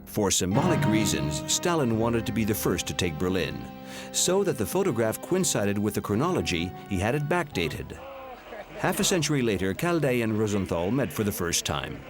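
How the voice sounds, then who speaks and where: A man giving measured, solemn scripted narration for a documentary. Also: fairly low pitch, sing-song. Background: music.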